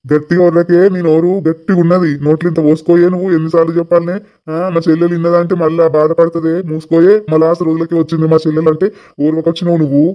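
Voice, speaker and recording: Man doing a fed-up village husband, rattles it off flat. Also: on the high side, racing, highs cut off, close to an everyday voice. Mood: exasperated. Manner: scolding, exasperated. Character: exasperated village husband caught between wife and sister.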